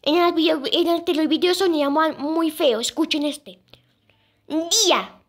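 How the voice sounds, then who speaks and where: A young girl casually presenting sound clips, pausing often and repeating "listen" and "I mean". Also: sits high. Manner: halting, repeats "escuchen" and "o sea". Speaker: video creator presenting moon sounds.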